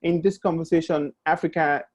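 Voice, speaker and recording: A woman's voice: sits low, steady tone, moderate pace, dry recording. A woman from Nigeria hosting a conversational interview, asking questions in a friendly, curious way with many ums. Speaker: host.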